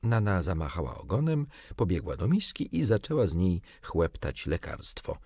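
A man reading a children's classic aloud with expressive, dramatic narration. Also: deep voice, moderate pace, breathy edge, no echo, studio quality. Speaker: audiobook narrator. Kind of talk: scripted storybook narration.

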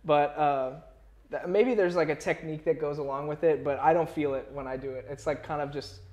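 Fairly high-pitched and steady, a young man's slightly mellow voice moves a little fast as he talks as a musician guest in an interview. He's rambling and slangy, leaning on "like" again and again. The clip comes from a clip-on lapel mic in a small furnished room indoors.

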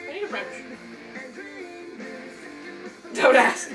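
A woman with a high, bouncing voice giggles and teases her friend in casual on-camera chat, full of crude jokes. She sounds set back from the webcam in an echoey room. Music plays behind her. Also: very animated, fairly quick, distant mic. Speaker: vlogger.

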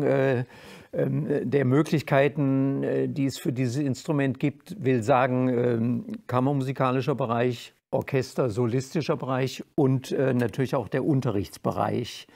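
An older man with a gravelly, mellow voice hosts a formal studio interview. He speaks in a measured, courteous way, pausing on fillers between phrases. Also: medium pitch, fairly even intonation. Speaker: host, interviewer. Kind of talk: moderated interview. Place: dark studio stage, indoors.

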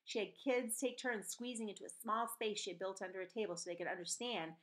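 Her mid-range voice moves at a fairly quick clip as she gives a storybook-style reading of a novel, full of animation but with occasional slips she goes back to fix. The woman, in her forties, is indoors in a small home room, picked up by a webcam mic on her desk.

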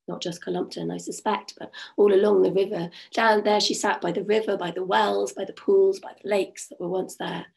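Croaky woman telling a folk tale. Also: medium pitch, a little mellow. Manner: rhythmic, repetitive, soothing telling. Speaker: storyteller. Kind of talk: oral folk storytelling. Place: home, at an online event.

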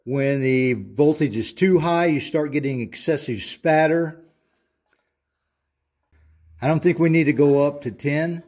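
A man in his thirties giving a step-by-step welding tutorial in a home auto shop, speaking in a slow, deliberate, instructive way. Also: a little high, a little mellow.

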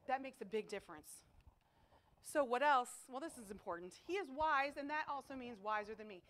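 At a school chapel auditorium with a stage, a middle-aged woman preaches a sermon to students as chapel speaker, picked up by a distant camera. Her voice is high and her pace moderate, and she's emphatic and animated, posing rhetorical questions.

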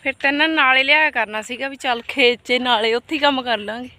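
Out on the farm, this mother and vlogger grumbles and exclaims in a homely village way, with a rural Punjabi accent, as she chats to the camera and her family over chores. Her high-pitched voice is bright and forceful and a little fast. There's slight background noise.

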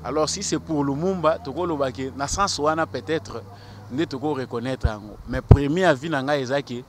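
Speaking at a moderate pace in a mid-range voice, a Congolese man in his thirties, from the DRC, mixes French and Lingala while answering a street interview. He makes his case earnestly and with some argument, stumbling over repeated words and gesturing with one hand. Recorded on a handheld mic on a busy city square, the audio picks up faint street noise and traffic.

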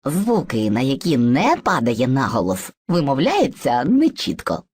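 For an educational cartoon, a woman plays Surzhyk, an eager and muddled boy who embodies mixed speech, swinging between boasting and hesitation with playful theatricality. Her voice is extremely low yet swoops widely in pitch, unhurried, a little mellow, husky, and exaggerated.

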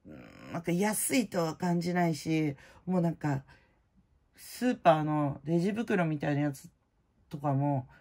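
A middle-aged woman rambles through a casual chat, blunt and slangy, with plenty of filler words. Her low voice has a gravelly edge and swings widely up and down. She speaks loudly and plainly, as a host talking straight to her viewers. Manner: loud-voiced by her own account. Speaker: prize-winning vlogger host.

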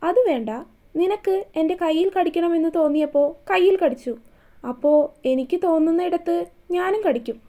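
A woman's voice: very high voice, brisk, warm tone. Woman doing a teasing young husband. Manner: playful teasing.

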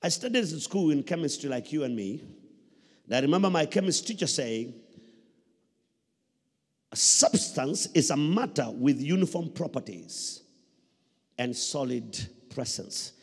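Speaking at a measured pace with long pauses, this middle-aged Kenyan man has a slightly high, somewhat rough, animated voice. He is a pastor delivering an emphatic sermon on a handheld mic, echoing his own phrases and prompting listeners with call-and-response questions. The big indoor church hall gives the PA sound plenty of reverb.

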